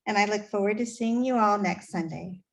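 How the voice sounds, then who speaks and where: A woman's voice: medium pitch, a little fast, creaky. A woman hosting a church service, giving friendly announcements and leading the congregation in prayer.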